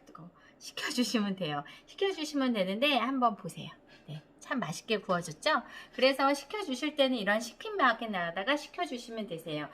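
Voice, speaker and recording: A woman's voice: on the high side, heavy background noise. A middle-aged woman giving a friendly step-by-step cooking demonstration, repeating her cues as she works. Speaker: cooking instructor.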